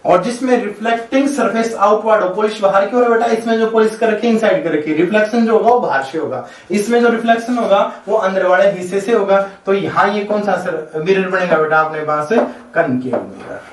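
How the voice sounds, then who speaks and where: A male physics teacher giving a classroom lecture. He asks questions and answers them himself, and he dictates definitions slowly, word by word. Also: high-pitched, a little hiss or hum. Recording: echoey room, voice from far off the mic.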